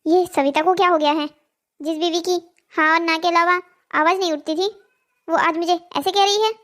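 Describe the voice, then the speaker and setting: A guilty, sneaky husband from a cartoon family drama, played by a woman. The voice sits very high for a man and keeps a pleading, slightly defensive edge. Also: fairly even intonation, normal speed, a bit bright. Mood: muttering. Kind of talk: Hindi cartoon voice acting.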